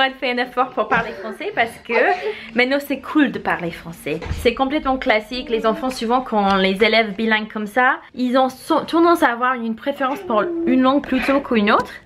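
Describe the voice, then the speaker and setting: Woman, 30s, from France, slightly high voice, casual home vlog, candid, laughs often. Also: brisk, noisy background. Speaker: vlogger answering viewer questions. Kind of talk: casual chat. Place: home room.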